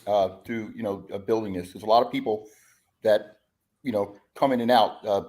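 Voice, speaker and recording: A man's voice: on the low side, fairly even intonation, normal speed, darkish tone. A man who leads a band, chatting as a podcast guest, rambling with lots of fillers and restarts. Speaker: guest musician, bandleader. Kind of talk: casual podcast chat.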